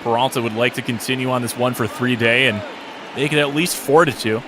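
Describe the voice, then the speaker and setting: A man's voice: mid-range voice, fairly even intonation, fast, noisy background. Easygoing man doing color commentary. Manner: easygoing, enthusiastic analysis. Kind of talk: casual sports commentary.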